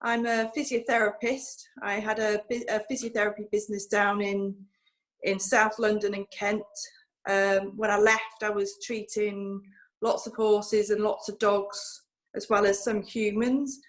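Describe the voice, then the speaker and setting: A woman's voice: medium pitch, little pitch movement, unhurried. A woman, speaking as an interview guest with many hesitations. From North Wales. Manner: hesitant, many ums and restarts. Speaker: guest physiotherapist. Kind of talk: conversational interview.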